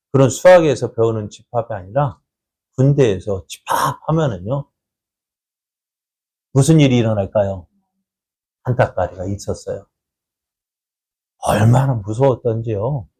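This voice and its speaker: A man's voice: medium pitch, measured pace, pauses often, dark tone, husky. A man pastor preaching a sermon in a church, asking the congregation rhetorical questions.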